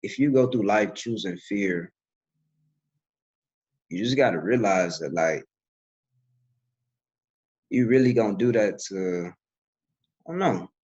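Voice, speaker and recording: A man's voice: fairly low pitch, expressive, slow, pauses often, a little mellow, slightly rough, lo-fi sound. A man talking in a loose, reflective way on a podcast, full of fillers. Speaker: podcast host. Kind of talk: casual conversation.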